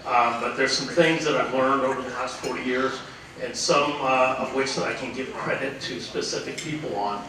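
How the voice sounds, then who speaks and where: In an echoey banquet hall, a man in his sixties gives a rambling awards-dinner acceptance speech at a moderate pace in a mid-range voice. He tells career stories packed with "uh" fillers and acts out quoted voices, picked up by a distant mic with room noise.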